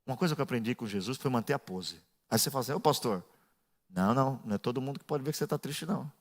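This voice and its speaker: A middle-aged male pastor preaching a sermon, dropping to low asides and building to shouted, half-sung climaxes. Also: expressive, racing. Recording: echoey church hall.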